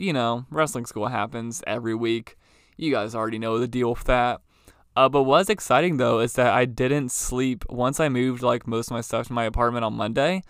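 A man's voice: medium pitch, clear, resonant tone, no echo, clean studio sound. A young man talking casually as a solo podcast host, rambling informally, recorded in a closet. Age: young adult. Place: small clothes closet, indoors.

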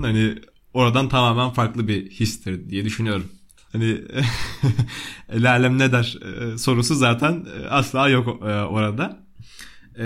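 A man's voice: mid-range voice, a bit bright. A man in his twenties chatting casually as a guest on a podcast. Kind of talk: casual chat.

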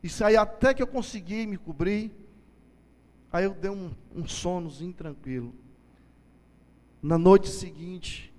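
Male preacher sharing testimony in a church hall; high voice, long reverb. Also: a little slow, pauses often, darkish tone. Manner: storytelling, acts out dialogue, addresses listeners as brothers. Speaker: church speaker giving testimony. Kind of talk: testimony sermon.

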